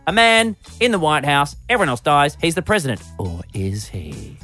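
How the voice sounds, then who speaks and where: A man's voice: a little high, brisk, faint music behind. An Australian man co-hosting a radio show, telling stories in a playful, theatrical way over casual banter. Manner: playful storyteller, animated and theatrical. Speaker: radio co-host.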